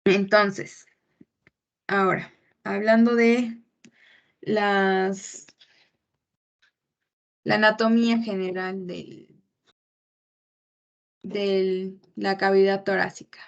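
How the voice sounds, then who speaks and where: A young woman explains medical material in a measured, unhurried way, often pausing with fillers. Her voice sits at a middle pitch, and the recording is muffled and lo-fi. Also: steady tone, gravelly. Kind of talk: medical class presentation.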